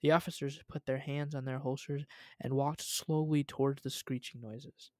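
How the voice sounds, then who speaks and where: A man's voice: mid-range voice, level tone, normal speed, a little mellow, no room sound, studio quality. A young man reading a story aloud at home, casual, with asides.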